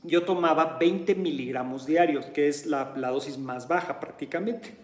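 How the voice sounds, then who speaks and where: A man's voice: on the high side, normal speed, echoey room. A man with a Mexican accent talking candidly in a casual monologue, often checking in with his listener. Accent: Mexican Spanish. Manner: candid, conversational, frequent "¿sí?" check-ins. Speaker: martial arts instructor sharing personal experience.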